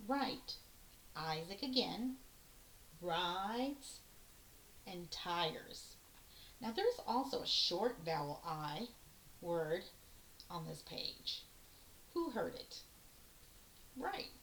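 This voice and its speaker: Slow, patient woman teaching phonics. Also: on the low side, big pitch swings, fairly bright tone. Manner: slow, patient, sounding out words letter by letter. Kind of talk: phonics lesson for young children. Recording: echoey room with faint hiss.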